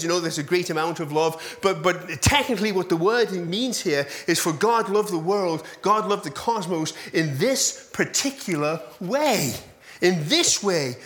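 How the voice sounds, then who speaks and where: A man preaching a sermon. He repeats phrases for stress and lets his voice drop low at the ends of lines. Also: a bit bright. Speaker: pastor.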